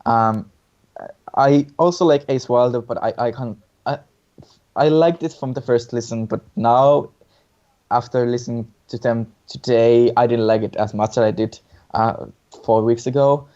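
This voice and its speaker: A co-host reviewing song contest entries talks in an unhurried, dark-toned, medium-pitched voice. His opinions come out hesitantly in this casual review chat, with frequent repetition of words, all captured in dull lo-fi audio.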